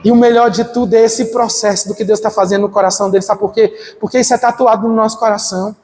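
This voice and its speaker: A man's voice: high-pitched, quick pace. A middle-aged man from Northeast Brazil, a pastor telling personal stories in a sermon and acting out the dialogue. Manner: animated storytelling, acting out dialogue. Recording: church hall with long reverb, faint noise.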